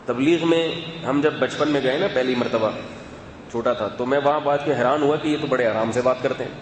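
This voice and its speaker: A man giving a sermon in a calm, conversational, explanatory way, with asides to his listeners. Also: mid-range voice. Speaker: religious scholar. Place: mosque or hall with loudspeaker system. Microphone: loudspeaker microphone. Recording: echoey hall, faint background noise.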